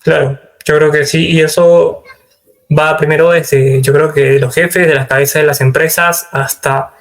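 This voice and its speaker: Guy hosting an interview, pretty monotone, kinda high voice, agrees a lot. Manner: agreeable, measured, asks questions. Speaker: interview host. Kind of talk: interview conversation.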